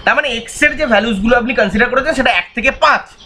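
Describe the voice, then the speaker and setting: High, bright-voiced math teacher. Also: male voice, quick pace. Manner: repetitive, quizzing, voices imagined student answers. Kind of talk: recorded online exam-prep lecture.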